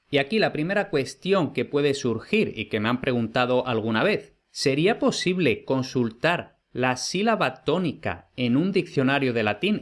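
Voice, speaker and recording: A man, teaching a Latin lesson in a clear, methodical way and posing questions to the viewer. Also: mid-range voice. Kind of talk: explanatory online lesson.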